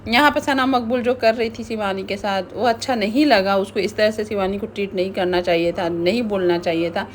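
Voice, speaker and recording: A woman's voice: medium pitch, steady tone, brisk, a little hiss or hum. A woman casually recapping a reality show, retelling events in a chatty way with frequent restarts.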